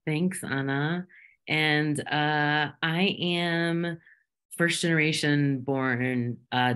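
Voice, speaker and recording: A middle-aged woman from Kentucky, a co-curator, speaking in a measured, reflective way on a video call. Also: extremely low pitch, creaky. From Kentucky, United States. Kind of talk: casual panel talk. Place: home room with bookshelves.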